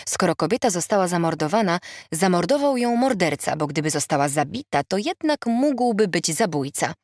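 A woman narrating an audiobook in a wry, measured storytelling manner. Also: fairly low pitch, big pitch swings, a little mellow, dry recording, clean studio sound. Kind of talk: scripted narration.

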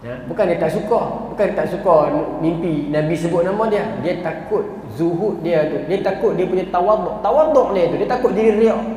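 A man's voice: high-pitched, fairly quick, few pauses. A man with a northern Malaysian accent giving a storytelling religious lecture, speaking straight to his audience. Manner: animated storyteller, acts out quoted voices, addresses audience directly. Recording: very echoey hall, long reverb, faint noise.

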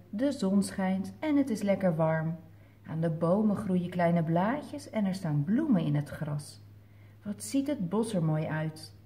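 A woman with a Dutch accent reading picture books aloud to toddlers in a gentle way, asking the children questions. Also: mid-range voice. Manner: gentle, slow storytelling that asks the children questions. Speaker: children's story reader.

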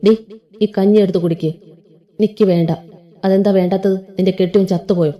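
A woman's voice: mid-range voice, steady tone, fairly quick, dark tone, close to an everyday voice. A woman voicing a cruel, domineering young husband in his twenties who talks in a harsh, taunting, threatening way. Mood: mocking.

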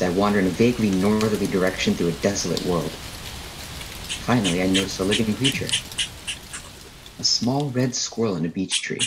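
A male actor narrates a radio play as the sole survivor of an alien invasion, a haunted astronomy professor, telling it dramatically in the first person. He speaks in a lowish, near-everyday voice, brooding and halting with a literary bent, while background noise runs underneath.

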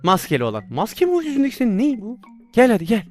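Excitable high-voiced man narrating VR chaos. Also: very fast, soft background music. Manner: excitable, exclaiming and laughing at his own mishaps. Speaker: VR gameplay streamer. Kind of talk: casual gameplay commentary.

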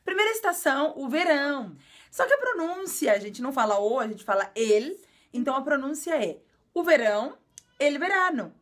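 Brazilian woman, high voice, casual video teacher who repeats and explains patiently. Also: sing-song, fairly bright tone. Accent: Brazilian Portuguese. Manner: explains slowly and repeats words, frequent filler "é". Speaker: language teacher.

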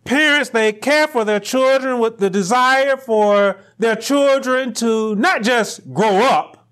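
A male pastor with a high voice preaches a sermon from the pulpit of a small indoor church room. His delivery is slow, deliberate and emphatic, swelling nearly to shouts on key lines.

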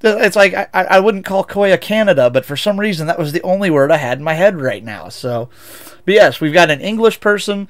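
Streaming a racing game as a VTuber, a young Midwestern American man talks to viewers in a high, animated voice that runs a little fast. He wanders off on tangents and keeps correcting himself.

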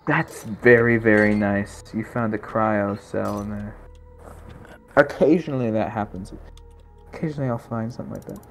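A man's voice: lowish voice, normal speed, soft background music. A man chatting with friends in voice chat during a game, blunt and offhand. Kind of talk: casual gaming chat.

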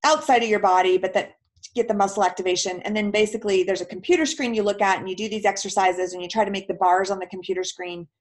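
Talking fast in a medium, fairly flat voice, a woman physical therapist fields questions in a casual back-and-forth. She's chatty, with lots of filler words and down-to-earth comparisons.

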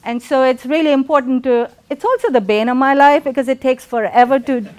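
A middle-aged woman from Pakistan, an artist giving a reflective gallery talk with many pauses and fillers, filmed from a distance in a large gallery room. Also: high-pitched, a little mellow.

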